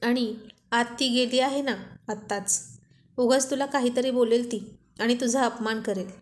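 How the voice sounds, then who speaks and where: A woman's voice: fairly high pitch, steady tone, a little slow, natural voice. A woman voicing a playful young husband who teases his wife affectionately, in a storybook reading. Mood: teasing. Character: loving, teasing young husband.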